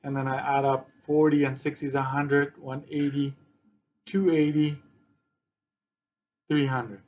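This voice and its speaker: A man's voice: fairly high pitch, flat delivery, a little mellow, highs cut off. Man teaching a math lesson, thinking aloud. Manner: thinking aloud, slow and halting while working problems; dry, sarcastic asides.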